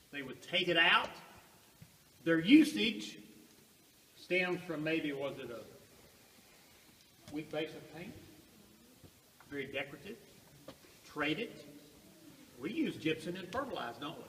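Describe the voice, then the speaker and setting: A man guiding a tour group inside a cave, his voice echoing as he projects to them with emphatic pauses and rhetorical questions. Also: on the high side, fairly bright tone. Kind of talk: guided tour talk to a group. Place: large underground cave. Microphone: distant camera among the tour group. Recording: echoing cave, distant mic, faint noise.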